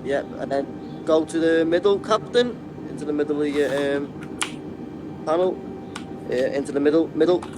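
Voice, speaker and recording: Halting man with a slightly high voice. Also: noisy background. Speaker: guest co-pilot guiding the streamer. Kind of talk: casual step-by-step instruction.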